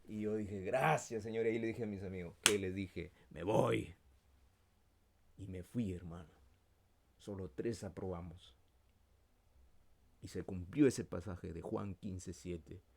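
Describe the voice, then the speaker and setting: A Peruvian man preaching with a Peruvian Spanish accent, telling a personal story and then praying, swinging between loud bursts and soft, hushed prayer. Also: deep voice, steady tone, a little slow. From Peru. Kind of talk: sermon with personal testimony and prayer.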